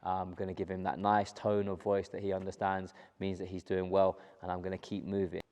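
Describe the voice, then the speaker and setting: A man working as a dog trainer, explaining his method to the camera in a calm, steady way and repeating the key points. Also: low voice, fairly quick. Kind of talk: instructional talk to camera.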